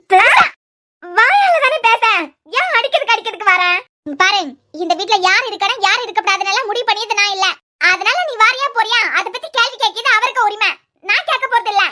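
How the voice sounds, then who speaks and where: Woman for quarrelsome young cartoon women, Kanyakumari Tamil accent, very high and fast, reproachful. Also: sharp tone. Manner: heated, reproachful arguing. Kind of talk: cartoon dialogue acting.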